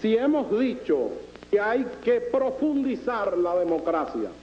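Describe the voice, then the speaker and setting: A man with a Venezuelan Caribbean Spanish accent giving formal political oratory in deliberate, rhetorical phrases with emphatic repetition. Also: sits high, very animated, dull audio, soft background music. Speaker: political speaker presenting a constitutional proposal.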